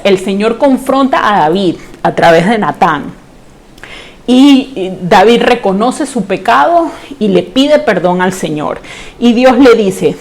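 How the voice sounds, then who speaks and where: A woman's voice: mid-range voice, darkish tone. Earnest Panamanian woman preaching. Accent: Panamanian Spanish. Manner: earnest, slows down to read scripture aloud. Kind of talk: online church sermon.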